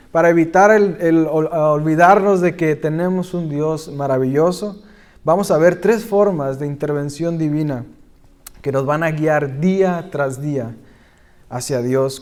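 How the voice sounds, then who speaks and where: A man preaching a sermon, stressing key words with rising force and then dropping his voice low and soft. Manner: slow, deliberate preaching that rises in emphasis and drops to a hush. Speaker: pastor.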